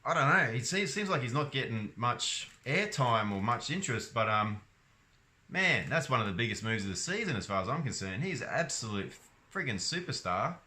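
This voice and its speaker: A man's voice: mid-range voice, big pitch swings, normal speed, pushed and bright. A young Australian man talking casually about rugby league in his own vlog, rambling and hesitant with lots of ums and restarts. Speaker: sports vlogger.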